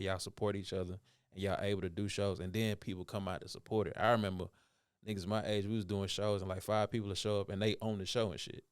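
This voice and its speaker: A man with a low, smooth and resonant voice, conducting a relaxed interview. He talks in a loose, rambling way with plenty of slang. The sound is close and dry, with no room around it. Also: no echo. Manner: laid-back, rambling, slangy. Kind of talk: casual interview.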